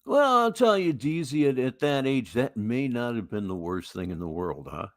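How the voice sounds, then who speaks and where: A man's voice: medium pitch, big pitch swings, moderate pace, no room sound, studio quality. An older American man with a Midwestern accent, hosting a casual livestream with folksy, musing, wry commentary. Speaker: livestream host.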